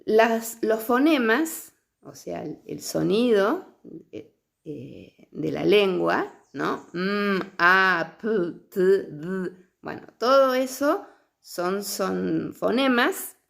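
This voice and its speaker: A woman's voice: medium pitch, lively intonation, drawn-out words, creaky, fairly bright tone. A middle-aged woman teacher, lecturing patiently on early literacy and often checking in with her listeners.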